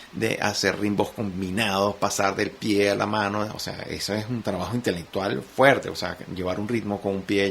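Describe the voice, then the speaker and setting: Gravelly Venezuelan man telling stories. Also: fairly low pitch. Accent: Caracas Venezuelan Spanish. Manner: reflective, animated storyteller, many restarts. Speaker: guest musician and sound artist. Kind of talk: radio interview conversation. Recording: faint noise, radio studio.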